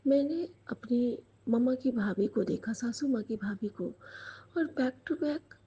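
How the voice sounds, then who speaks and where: A woman, sharing a dream as personal spiritual testimony in a hushed, intimate voice that often drops to a whisper. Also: on the high side, takes it slowly, highs cut off, heavy background noise. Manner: hushed, intimate storytelling with fillers and soft whispered stretches.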